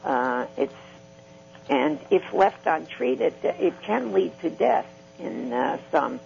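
A man speaking haltingly as a talk show guest, searching for words while discussing news. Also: high voice, very animated, vocal fry, a little mellow. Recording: dull radio line, faint hum.

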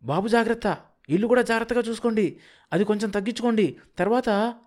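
A man voicing a sharp-tongued, scheming middle-aged wife who scolds her husband. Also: a little high, expressive, moderate pace. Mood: calling out. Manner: bossy, impatient, scolding.

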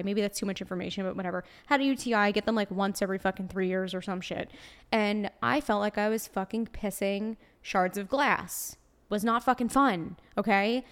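A woman's voice: fairly high pitch, a bit bright. Sassy young Brooklyn woman podcasting. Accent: Brooklyn New York. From New York, USA. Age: late 20s. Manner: sassy, heavy swearing, blunt. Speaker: podcast host. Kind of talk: casual solo podcast talk. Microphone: desk microphone.

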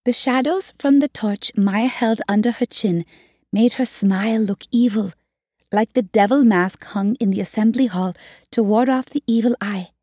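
A woman reading a novel aloud as an audiobook narrator, at a measured, even pace. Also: a little high, husky, no echo, studio quality.

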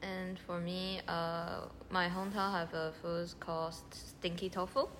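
A young woman from Taiwan, speaking earnest, halting English as a podcast guest. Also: on the low side, level tone, fairly bright tone. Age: young adult. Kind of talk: casual chat. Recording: reverberant room, faint noise.

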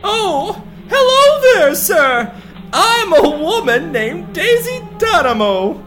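A man putting on a high, fluttery woman's voice as a detective in disguise. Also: sing-song, slow pace, over loud music, exaggerated voice. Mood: flustered. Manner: shrill, fluttery falsetto.

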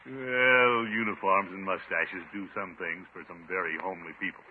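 An actor playing a pompous, flirtatious middle-aged bachelor uncle in a 1950s radio sitcom, with a blustery theatrical delivery. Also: male voice, sits low, steady tone, normal speed, lightly acted. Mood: defensive. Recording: tinny, noisy 1950s radio recording.

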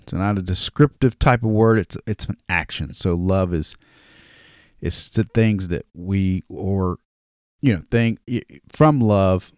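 Man with a Southern drawl, low voice. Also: unhurried, a little mellow, smooth, no echo, clean studio sound. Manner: conversational, reads scripture aloud with restarts. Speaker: podcast host. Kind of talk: casual Bible study talk.

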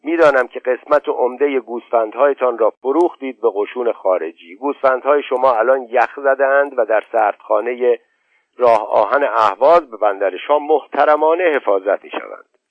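A stern, sarcastic man lectures his young guest with scorn, his words sharp and scolding, as an audiobook narrator reads him. The sound is dry and thin, like a phone line, with no room around it. The pitch sits in a middle range. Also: dry recording, natural voice.

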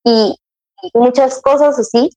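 A woman's voice: high voice, steady tone, a little slow, darkish tone, slight background noise, rough recording. A young woman, telling her story in casual chat, acting out her own past words with many restarts. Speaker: guest sharing her motherhood story.

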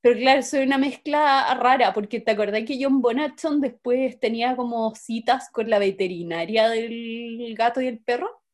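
An animated woman with a Chilean accent tells stories in casual chat, repeating her phrases and mocking herself. Her voice sits a little high. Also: moderate pace, hardly any pauses. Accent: Chilean Spanish. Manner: expressive storyteller, self-mocking, repeats phrases.

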